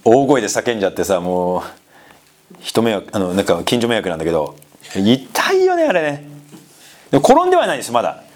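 A pastor delivers a sermon conversationally, questioning the congregation and mixing polite speech with casual asides. His voice is lowish and a bit mellow, fast, with wildly swooping pitch.

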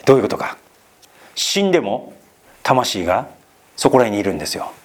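Lively, expressive male preacher. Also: lowish voice, brisk. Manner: lively, rising and falling delivery with asides to listeners. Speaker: pastor. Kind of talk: expository Bible sermon.

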